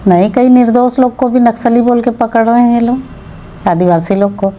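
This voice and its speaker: Firm, mellow-voiced woman politician. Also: on the high side, fairly even intonation, normal speed, slight background noise. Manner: firm, argumentative, rhetorical questions. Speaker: MLA, interview guest. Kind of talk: political interview answers.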